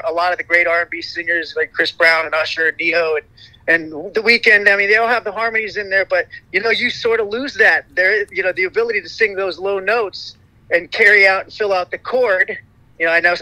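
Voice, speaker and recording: In a rough, dry, close recording with no room sound, a middle-aged man who sings in a vocal group chats casually as an interview guest. His high voice sounds very bright and cutting while staying light, and his answers ramble with restarts and plenty of "you know."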